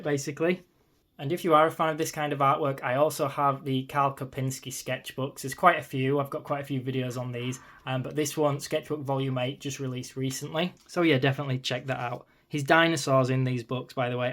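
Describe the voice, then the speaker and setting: A man hosting his channel chats casually while flicking through an art book, with frequent ums and asides. His mid-range voice is slightly strained and starting to go after a long day of talking.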